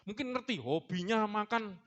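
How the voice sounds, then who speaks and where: East javanese pastor guy, high voice, joking around in his sermon, kinda dull lo-fi sound. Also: expressive, normal speed, fairly bright tone. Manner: chatty and teasing, mixing in Javanese words. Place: church. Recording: dull lo-fi recording.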